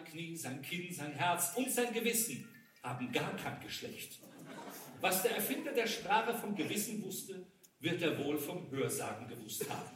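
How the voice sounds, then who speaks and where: A man reads satire on a cabaret stage, his pitch riding high and swooping with amusement. The voice sits back from the mic in a roomy hall, with a faint hiss behind it. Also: a bit bright. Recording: roomy live recording from a distance.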